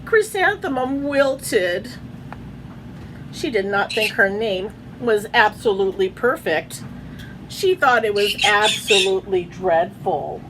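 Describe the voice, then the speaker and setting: A woman's voice: medium pitch, expressive, slow pace, a bit bright, slight background noise, low-quality recording. A woman reading a children's picture book aloud at home, in a sing-song storybook way, chatting to her pet birds between pages.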